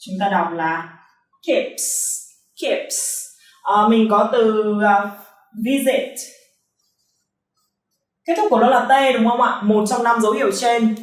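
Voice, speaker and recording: A woman teaching English pronunciation, repeating key sounds slowly and checking in with her learners. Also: fairly high pitch. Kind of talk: classroom explanation. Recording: echoey room, voice from a distance.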